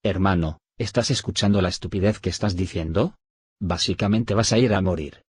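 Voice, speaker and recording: A man's voice: deep voice, fairly quick, breathy edge, no echo. A synthetic male text-to-speech voice playing a blunt, foul-mouthed soldier comrade in a zombie story. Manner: blunt and incredulous.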